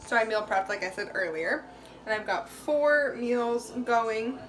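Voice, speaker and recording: A woman's voice: on the high side, lively intonation, measured pace. A young woman chatting casually in her home kitchen vlog, rambling with fillers, recorded on a phone. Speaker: vlogger. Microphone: phone camera.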